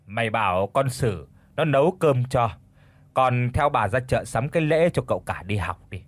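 A man's voice: mid-range voice, animated, normal speed, dry recording, close to an everyday voice. A man doing a nagging, bossy old village wife. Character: shrewish old wife of a rich villager, loud and pushy.

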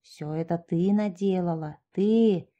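A woman voicing a gruff, suspicious peasant sexton who mutters his accusations slowly. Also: mid-range voice, fairly even intonation, dark tone, dull audio. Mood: accusing. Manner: slow, muttering, grumbling accusations.

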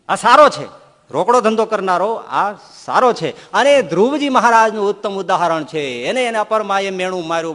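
A male swami giving a humorous storytelling sermon, shifting between soft and loud delivery. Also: fairly high pitch. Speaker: swami giving a scripture discourse. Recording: echoey hall.

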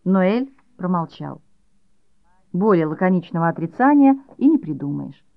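Measured literary audiobook reader, muffled dry recording. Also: mid-range voice, very animated, creaky, no room sound. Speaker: audiobook narrator.

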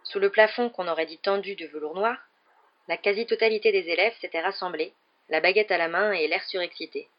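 A man narrating a novel as an audiobook reader in a steady, even storytelling manner. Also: sits high, brisk. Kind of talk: read-aloud narration of a novel. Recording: dull lo-fi recording.

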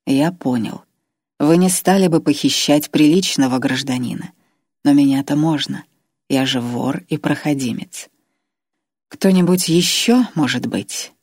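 A woman voicing a calm, mocking old male swindler in a low, husky, dry voice. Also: unhurried, no echo. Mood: sardonic.

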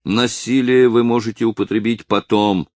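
A man voicing an old village elder who loudly pleads with and commands rebels, read in an audiobook. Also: mid-range voice, steady tone, moderate pace, no echo, voice pushed up, close to an everyday voice. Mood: urging. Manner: loud impassioned pleading. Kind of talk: audiobook character reading.

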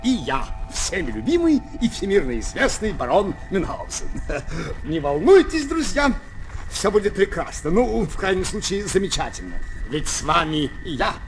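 A boastful, effusive adventurer baron in theatrical children's audio drama style. The voice is high for a man and leaps about excitedly in pitch. Music plays along. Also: moderate pace. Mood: boastful, reassuring. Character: boastful, exuberant Baron Munchausen, jovial storyteller adventurer.

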